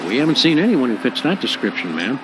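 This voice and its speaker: A man voicing a polite, deadpan, unflappable dog detective in a cartoon video game. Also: medium pitch, quick pace, noisy background, lightly acted. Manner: deadpan, courteous.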